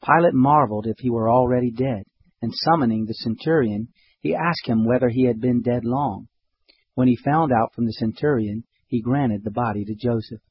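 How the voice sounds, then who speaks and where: A man with a husky voice giving a steady, measured scripted reading of scripture, his voice softening at the ends of phrases. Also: medium pitch, no echo, dull audio. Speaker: scripture reader.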